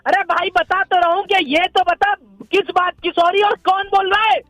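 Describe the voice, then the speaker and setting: A man's voice: very high-pitched, little pitch movement, moderate pace, fairly bright tone. A man on a phone call, irritated and demanding, repeatedly asking who is on the line. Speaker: prank call target. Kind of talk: phone argument.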